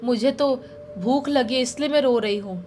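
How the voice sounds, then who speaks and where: A woman's voice: high voice, normal speed, noisy background, natural voice. A woman voicing a sad, hungry orphaned young village girl who speaks plaintively, in her own voice. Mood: sorrowful. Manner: tearful, plaintive.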